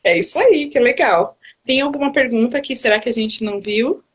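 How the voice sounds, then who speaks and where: A woman singing teacher hosts a live stream in a casual, chatty way, with a slightly high voice. She keeps affirming her guest as she talks. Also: normal speed, breathy edge. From Brazil.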